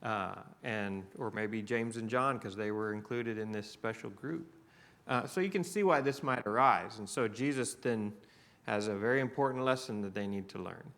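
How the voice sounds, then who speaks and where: A man with a Southern US accent leads a church Bible class, speaking conversationally in a lowish, fairly bright voice at a moderate pace. He puts questions to the class and restarts his sentences often.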